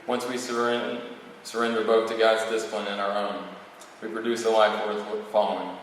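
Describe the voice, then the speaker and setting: A distant mic in a very echoey hall, with faint noise, records an eighteen-year-old man speaking to an audience. He is the student valedictorian, reading a prepared podium speech with occasional stumbles. His voice is lowish, shows little pitch movement, and keeps a normal speed.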